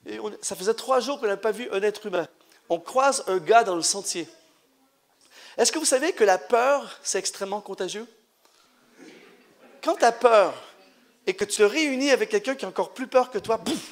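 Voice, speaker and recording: A man preaching a live church sermon, passionate and joking with the crowd, often shouting for emphasis. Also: sits high, lively intonation, moderate pace, long pauses.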